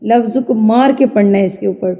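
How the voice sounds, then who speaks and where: A woman with a very dark, mellow voice leads a tajweed lesson, patient and methodical. She asks questions and answers them herself, repeating each sound slowly to demonstrate it. The voice carries a long, lingering reverb. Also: medium pitch. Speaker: Quran recitation teacher.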